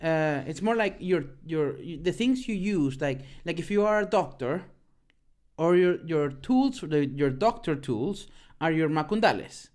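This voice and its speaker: A man from Venezuela with a Venezuelan accent, co-hosting a casual podcast and explaining slang in a rambling, halting way. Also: a little high, animated, a little mellow. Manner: rambling, halting, many restarts and fillers. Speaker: podcast co-host. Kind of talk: casual bilingual podcast chat.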